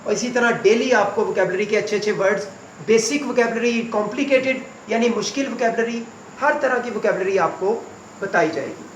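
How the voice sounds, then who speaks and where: A man teaches spoken English in a very high voice. He repeats each word over and over so students can copy it. The room echoes, and a faint hiss sits under the recording. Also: brisk. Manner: repeats words over and over for practice.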